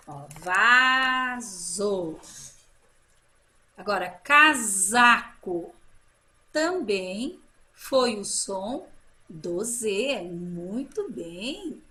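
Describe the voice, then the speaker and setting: A woman teacher giving a children's phonics lesson, drawing out example words slowly and praising her pupils. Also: medium pitch, a little hiss or hum. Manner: slow drawn-out model words, encouraging teacher talk.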